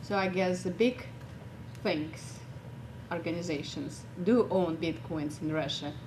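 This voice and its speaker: A woman in the audience asking the panel a question, inquiring and slightly halting. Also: fairly low pitch, background noise.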